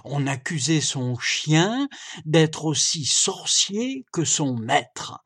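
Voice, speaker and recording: A man, a volunteer audiobook reader, telling a folk tale with an animated, storytelling lilt. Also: fairly high pitch, very slow, slightly rough. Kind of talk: audiobook reading.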